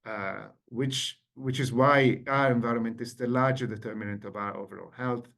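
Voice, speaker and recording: A man's voice: mid-range voice, steady tone, moderate pace, gravelly, a bit bright. A man in his forties from Italy with an Italian accent, giving an online lecture as a guest lecturer and engaging the audience with questions over a video call.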